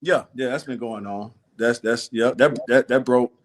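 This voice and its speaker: A man's voice: medium pitch, moderate pace. A man, hosting a casual livestream chat and reading viewer comments aloud. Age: 40s. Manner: laid-back, reads viewer comments aloud. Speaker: show host.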